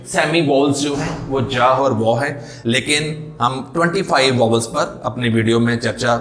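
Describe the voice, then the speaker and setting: A man's voice: medium pitch, fairly bright tone, a little hiss or hum. Echoey man teaching an English lesson. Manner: repeats questions and answers them himself, slows down on key terms; mixes Hindi with English words. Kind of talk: classroom-style lesson explanation.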